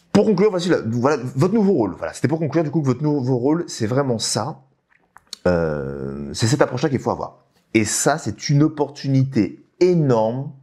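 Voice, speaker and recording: A man's voice: lowish voice, darkish tone. A man hosting a video, talking casually and animatedly to viewers, with frequent restarts and direct questions to the audience. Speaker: YouTube host talking about AI coding. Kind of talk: casual talk to camera.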